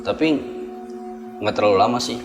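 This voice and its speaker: A man, a guest telling of a ghost encounter in a casual, slangy, relaxed way with short replies. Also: lowish voice, moderate pace, gravelly, music in the background. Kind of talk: casual chat.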